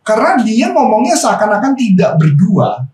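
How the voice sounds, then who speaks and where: A man with a fairly high voice explains business calling in a loose, chatty coaching style. He sounds set back from the mic in a roomy, echoing space. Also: moderate pace. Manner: relaxed, explanatory, mixes slang and English phrases. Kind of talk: casual coaching talk. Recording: echoey room from far off.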